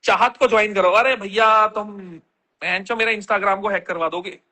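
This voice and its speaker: A man's voice: high-pitched, fairly even intonation, normal speed, bright, forceful tone. A man on a casual livestream, reading viewer comments aloud and answering them bluntly with plenty of slang.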